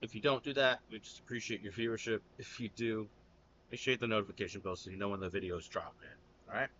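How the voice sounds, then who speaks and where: American man, fairly low voice, casual reaction host, blunt and loose, slightly dull lo-fi sound. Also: fairly even intonation, fast, pushed and bright, slight background noise. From United States. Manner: loose and blunt, calls viewers "man" and "dude".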